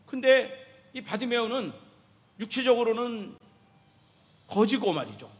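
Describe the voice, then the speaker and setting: A man's voice: extremely high pitch, sing-song, measured pace. A male pastor preaching a sermon to his congregation in a church sanctuary. He talks animatedly and keeps asking the congregation questions. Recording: echoey church hall reverb.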